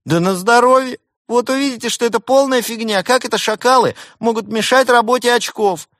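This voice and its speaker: A man's voice: very high voice, fairly quick, fairly bright tone, dry recording, studio quality, pitched above the performer's own voice. A man voicing an indignant male jackal pilot who squawks in outrage. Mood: outraged.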